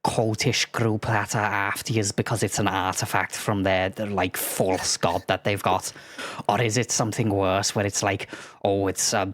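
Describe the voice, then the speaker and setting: A man gives voice to an undead shopkeeper who swears freely and talks in a relaxed, chatty way, with a lilt. His voice sits fairly low. The sound is dry and close, like a headset on a voice call. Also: normal speed, no echo. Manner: casual, blunt, swearing freely. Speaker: player voicing an undead skeleton shopkeeper. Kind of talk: in-character tabletop role-play.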